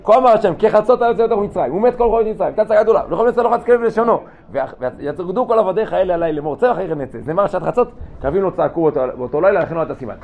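Rabbi teaching a lively class. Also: male voice, sits high. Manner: lively, asks students questions, jokes. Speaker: yeshiva rabbi giving a class. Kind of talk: informal Torah class to students. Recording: dull lo-fi room recording with faint noise.

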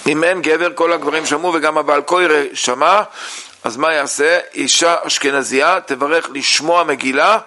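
A man teaching a lesson on religious law, reading sources aloud and explaining them with many pauses and fillers. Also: on the high side, pushed and bright. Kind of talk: halakha lesson.

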